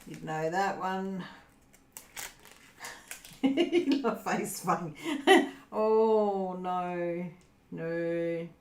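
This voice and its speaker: A woman's voice: lowish voice, very slow, pauses often, darkish tone. Giggly Australian woman in an echoey room. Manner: giggly, rambling, many fillers. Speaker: crafting channel host. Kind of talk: casual livestream chat with viewers. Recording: roomy echo.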